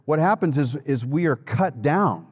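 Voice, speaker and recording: A man's voice: on the high side, animated, moderate pace, a little mellow, breathy edge. A man preaching a sermon as pastor, earnest, often repeating words and calling the congregation to respond. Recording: long hall reverb.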